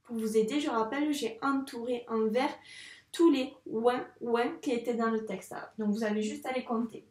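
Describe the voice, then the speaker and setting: Female schoolteacher, patient and deliberate, recorded with noticeable room echo. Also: fairly high pitch, steady tone, darkish tone. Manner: slow, patient, clearly articulated. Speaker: first-grade teacher. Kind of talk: reading lesson for young children.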